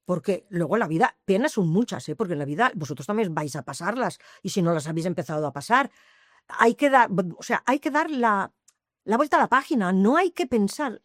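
A woman in her eighties tells her life story in an interview, her medium-pitched voice animated and brisk. She speaks emphatically, repeating phrases and swearing to her listeners as she shares emotional personal memories. The recording is studio quality with no room sound.

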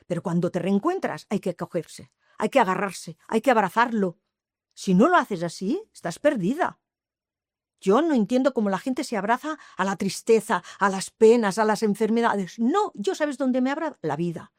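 A woman's voice: mid-range voice, animated, normal speed, no room sound, clean studio sound. Emphatic woman in her eighties. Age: 80s. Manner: emphatic, repeats phrases, swears to the listeners. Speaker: interviewee. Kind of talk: emotional personal storytelling.

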